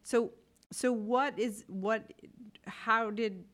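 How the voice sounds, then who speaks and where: A woman host interviewing a guest, asking questions in a measured, supportive way. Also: on the high side, fairly even intonation, a bit bright.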